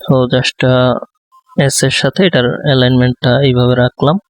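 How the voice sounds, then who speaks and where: A man giving a design tutorial, speaking softly close to the microphone and thinking aloud with many fillers. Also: mid-range voice, flat delivery, moderate pace, dry recording. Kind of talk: live screen-recorded tutorial.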